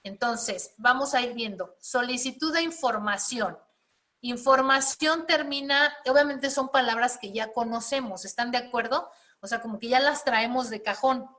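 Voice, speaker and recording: Woman, spelling teacher, explanatory, frequent check-ins, bright tone. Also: a little high, normal speed. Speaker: spelling and writing instructor. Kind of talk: live class teaching.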